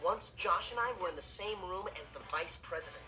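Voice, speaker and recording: Laid-back cocky teenage Drake. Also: male voice, high-pitched, expressive, a little fast, pushed and bright, faint music behind, full character voice. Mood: cocky, offhand. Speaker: sitcom character. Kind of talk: scripted comedic monologue to audience.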